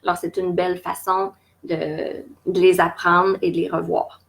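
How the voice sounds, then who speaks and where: A woman's voice: fairly low pitch, flat delivery, a little slow, gravelly. A woman with a Québécois French accent teaching a live beginners' English lesson from home, patiently repeating each English word several times for learners to copy. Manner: patient, step-by-step explaining with frequent fillers. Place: at home during lockdown.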